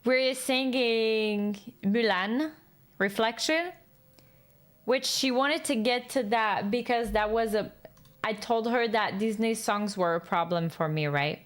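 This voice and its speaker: Slow-talking chatty woman. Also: a little high. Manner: chatty, rambling, laughs often; speaks in a lively way. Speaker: streamer. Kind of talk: casual chat with viewers.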